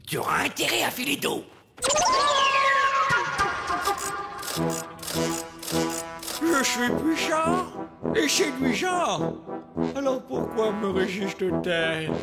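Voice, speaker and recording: A man's voice: unhurried, gravelly, loud music behind the voice, exaggerated voice. An actor playing a vain, lovesick Martian king in a cartoon, boastful and theatrical in his delivery. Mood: pompous. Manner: boastful, theatrical, swoops in pitch. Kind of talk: cartoon voice acting.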